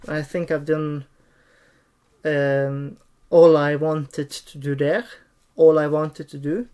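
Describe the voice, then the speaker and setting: A streamer giving an unscripted, hesitant gameplay tutorial, often pausing and repeating phrases. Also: mid-range voice, flat delivery, dark tone, clean tone. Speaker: streamer and game tutorial host.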